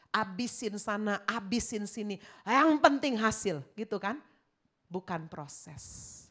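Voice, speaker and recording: A woman's voice: high-pitched, bright, forceful tone. A woman pastor preaching a sermon in an emphatic way, talking straight to her congregation.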